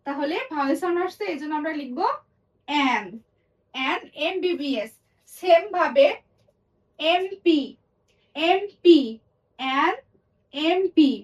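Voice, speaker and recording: A woman's voice: sits high, measured pace, pauses often, distant mic, muffled recording. A woman teaching English grammar in a lesson, explaining step by step and repeating example words and sentences.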